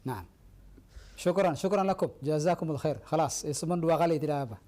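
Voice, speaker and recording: Higher-voiced man teaching Arabic. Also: moderate pace, dark tone. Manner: patient, prompting and correcting students. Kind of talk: Arabic language lesson on air.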